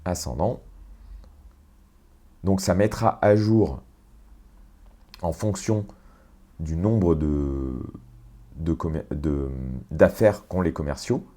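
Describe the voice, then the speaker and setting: A man walking through a software automation on screen, explaining step by step with fillers and self-corrections. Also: low voice, slow pace, long pauses. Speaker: tutorial presenter. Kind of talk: screen-share software walkthrough.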